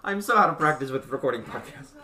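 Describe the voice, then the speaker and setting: A man's voice: mid-range voice, expressive, fast, pushed and bright, far from the mic. A man hosting a casual podcast, chatty and self-deprecating, laughing often as he talks. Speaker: podcast host. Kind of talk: casual chat.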